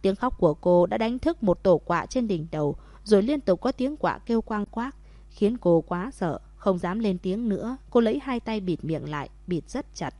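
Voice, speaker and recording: Woman reading a story aloud, steady, middle pitch, dry close mic. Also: normal speed, dry recording. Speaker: narrator. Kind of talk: audiobook story narration.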